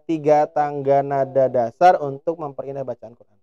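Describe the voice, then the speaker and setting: A man teaching Quran recitation on a live stream, explaining calmly and chanting long drawn-out examples. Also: medium pitch, clean tone, dull audio.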